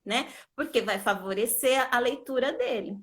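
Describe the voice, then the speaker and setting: A woman's voice: fairly high pitch, moderate pace, fairly bright tone. A woman educator teaching on a live video call, explaining step by step in a patient way and often checking that she is understood. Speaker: literacy educator.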